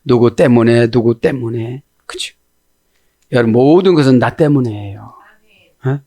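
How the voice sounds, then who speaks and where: A man preaching a sermon in a lively style, often turning to ask the congregation for agreement and acting out prayers in a pleading voice. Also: medium pitch, unhurried. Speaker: pastor.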